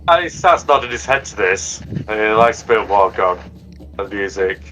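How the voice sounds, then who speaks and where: A man narrating casually as game master, often halting and correcting himself. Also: lowish voice, lively intonation, bright, forceful tone, a little hiss or hum, poor audio.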